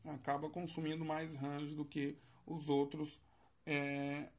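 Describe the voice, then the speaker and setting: A man casually reviewing a smartphone for his vlog, talking in a chatty, halting way with frequent tag questions. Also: fairly high pitch, completely flat delivery. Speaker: tech reviewer.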